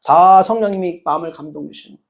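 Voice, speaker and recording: Middle-aged male pastor, slightly high voice, fervent call-and-response sermon with scripture readings. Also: fast talker. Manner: call-and-response preaching, reads scripture aloud, frequent amens.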